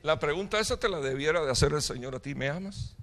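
A middle-aged man preaching a sermon as pastor, with impassioned preaching, sudden loud outbursts and jokes with the congregation. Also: on the high side, expressive, quick pace. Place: church hall.

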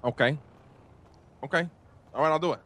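Brash swearing guy in roleplay, bright edgy voice, kinda high. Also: normal speed. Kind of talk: in-character game roleplay.

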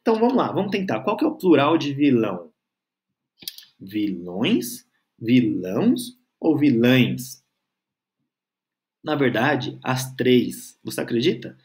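A man's voice: medium pitch, expressive, a little mellow. A man teaching a grammar lesson, patiently stretching out syllables and checking in with the learner. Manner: patient, spells out syllables slowly, frequent "tá?" and "certo?" checks.

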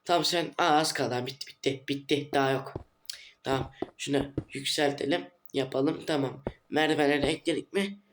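A man giving casual gameplay commentary, exasperated, swinging between low grumbling and loud outbursts. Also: fairly even intonation, normal speed, slight background noise. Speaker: gameplay streamer.

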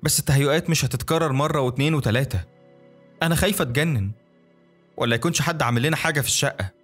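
Casting note: male narrator putting on a young Egyptian wife, scared and cold, raised pitch, rapid delivery. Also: fairly bright tone, faint music behind. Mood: frightened. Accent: Egyptian Arabic.

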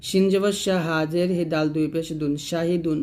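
A man teaching Quran reading, chanting letter and vowel drills in a steady rhythm. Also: a little high, normal speed. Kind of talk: spelling-drill lesson.

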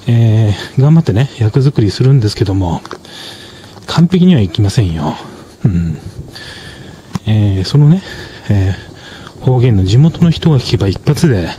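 This drama reviewer, a man with a voice on the low side, explains things casually and in a measured way, leaning on fillers and soft tag particles. There's a little hiss or hum in the background.

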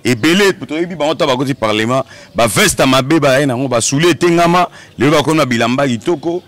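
A man's voice: medium pitch, expressive, brisk, fairly bright tone, dry recording. A young man answering as a guest in an outdoor interview on a handheld mic, emphatic and full of repetitions. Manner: emphatic, repetitive, hesitant fillers. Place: outdoor courtyard set.

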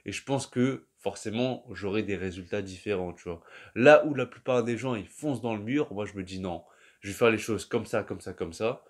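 A young vlogger talks casually and at length to his viewers in a loose, slangy monologue that often trails off, addressing the listener as "tu." His voice is fairly low in pitch and moves at a moderate pace.

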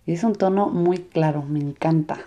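A woman casually narrating a hands-on craft demonstration for a children's channel in a relaxed, soft-spoken way. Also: low voice, normal speed, dull audio, faint music behind. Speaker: host of a children's slime and makeup channel.

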